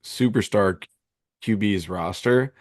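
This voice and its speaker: A man's voice: on the low side, takes it slowly, darkish tone, no echo, clean studio sound. A man co-hosting a casual fantasy football podcast over a remote call, rambling with lots of fillers and restarts while he keeps hiccuping. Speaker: podcast co-host.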